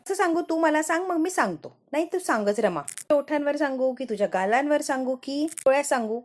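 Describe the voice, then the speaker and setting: A woman's voice: sits high, expressive, brisk, pitched above the performer's own voice. A woman voicing a playful young husband who teases his wife in a sing-song way, in a retold TV serial. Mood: teasing.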